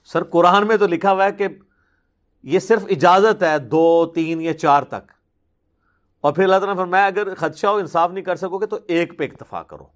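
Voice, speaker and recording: A man giving a religious question-and-answer talk, reasoning patiently and pressing hard on his key points. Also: high-pitched.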